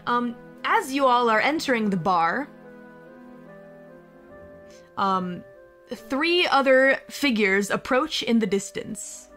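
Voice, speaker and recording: A woman's voice: fairly high pitch, animated, unhurried, a bit bright, faint music behind. A woman narrating a tabletop game as game master, casual and often laughing.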